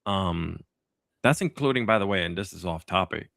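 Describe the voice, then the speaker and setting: A man's voice: sits low, lively intonation, normal speed, vocal fry, a bit bright, no room sound, clean studio sound. A man hosting a political talk podcast, speaking casually and sarcastically, with lots of fillers and restarts. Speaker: podcast host.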